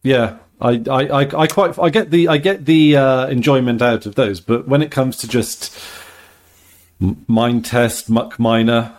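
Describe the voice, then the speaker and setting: A man co-hosting a casual podcast chat, rambling and halting, often restarting his sentences. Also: mid-range voice. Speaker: podcast co-host.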